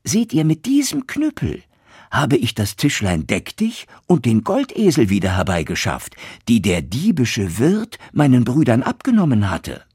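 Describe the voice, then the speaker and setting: A man's voice: fairly low pitch, huge pitch swings, measured pace, breathy edge, dry recording, clean studio sound, voice pushed up, heavily acted. A man voicing a proud, stern young craftsman in a fairy tale, declaiming boldly. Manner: bold, boastful declaiming.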